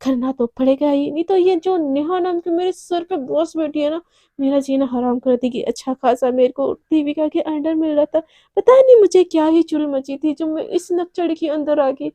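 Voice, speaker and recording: A woman puts on a chatty young junior colleague in a spoken love story. She grumbles to herself in a high, warm voice, recorded dry and close. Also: moderate pace, dry recording, close to an everyday voice. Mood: grumbling.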